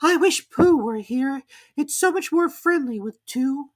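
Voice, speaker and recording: Storybook piglet, played by a woman: small timid male, thin high squeak, anxious and childlike. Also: lively intonation, a little slow. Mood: worried, hopeful. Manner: fretful, earnest, childlike.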